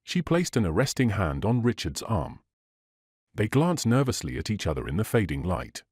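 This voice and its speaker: A man reading a romance audiobook in a measured, expressive scripted narration on a close studio mic. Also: fairly low pitch, husky, dry recording.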